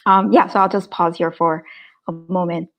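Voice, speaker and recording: A woman's voice: on the low side, level tone, moderate pace, lo-fi sound, faint music behind. A woman in her thirties from Korea, answering interview questions in an upbeat, chatty way with lots of fillers and restarts. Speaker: guest, startup co-founder.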